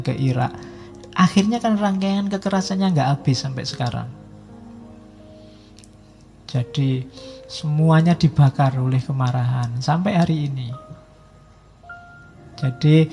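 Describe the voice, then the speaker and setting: A middle-aged man gives a lively public lecture in a slightly high voice. He talks casually and teasingly and draws out key words. The sound rings in a long hall echo with faint music underneath. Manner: conversational, teasing, drawn-out emphasis.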